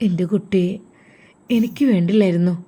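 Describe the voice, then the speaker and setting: A woman voicing an elderly mother who is worried and gentle, speaking softly and pleadingly. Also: on the low side, fairly quick, lightly acted.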